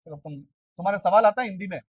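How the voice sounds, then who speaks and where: A man's voice: high-pitched, fast talker, husky, no echo, recorded from a distance, low-quality recording. A male teacher giving an exam-prep lecture in a classroom, chatty and argumentative, constantly quizzing the class and voicing their questions himself. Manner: chatty, argues playfully with students.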